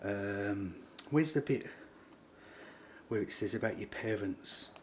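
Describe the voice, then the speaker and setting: This casual to-camera vlog features a middle-aged English man with a lowish voice and slow pace. His talk rambles and repeats itself, with informal working-class grammar, over a faint hiss or hum.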